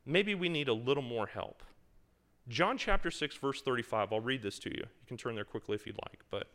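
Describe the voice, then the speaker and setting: A man's voice: mid-range voice, expressive, a little fast, a bit bright. A man leading a Bible study in front of a live group, talking conversationally and quizzing his listeners. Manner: reads scripture aloud with emphasis. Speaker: Bible teacher.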